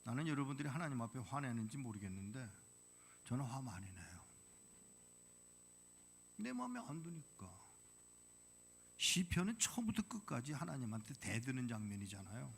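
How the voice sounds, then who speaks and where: A male missionary preaching in a church with a very lively, swooping pitch, dropping to hushed whispers and then bursting out loud. He is blunt and needling with his listeners. A faint hiss runs under the recording. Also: normal speed, vocal fry, pauses often. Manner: dramatic, drops to whispers then bursts out loudly; blunt and provocative with the congregation. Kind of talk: sermon. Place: church sanctuary.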